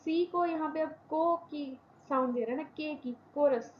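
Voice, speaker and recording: A woman with a high, clear-pitched voice gives a classroom lecture as a university English teacher. She drags out her example sentences word by word, then rattles off quick explanations. The recording is slightly dull and lo-fi, with a faint hiss underneath. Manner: repeats key words for emphasis.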